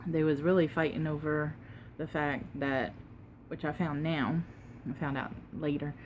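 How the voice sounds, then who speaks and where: A woman tells a casual, unhurried story while eating, pausing to chew and sometimes talking with her mouth full, with emphatic retelling. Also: deep voice, fairly even intonation, a little hiss or hum. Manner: unhurried, conversational, emphatic retelling with quoted exchanges. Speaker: mukbang vlogger.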